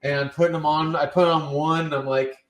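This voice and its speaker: A man guest on a podcast, telling wrestling stories in casual chat and acting out his own shouted lines. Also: fairly high pitch, fairly even intonation, brisk, roomy sound.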